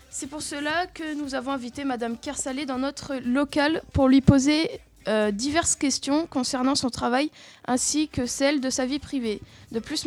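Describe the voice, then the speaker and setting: High-pitched schoolgirl hosting school radio. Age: young student. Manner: reads from notes, stiff, hesitant. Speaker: student radio host. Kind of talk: scripted school radio interview.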